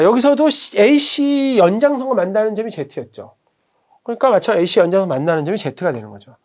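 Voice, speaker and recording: Middle-aged guy teaching math at a board, patient, says stuff twice, voice goes up and down a lot. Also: sits high. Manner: patient, repeats terms slowly. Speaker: academy director teaching math. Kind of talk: whiteboard math lesson.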